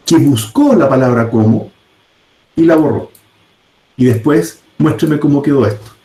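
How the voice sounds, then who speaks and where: A man's voice: a little high, warm tone. A man teaching a programming class, explaining step by step and often checking in with his students. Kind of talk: live coding class. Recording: echoey room.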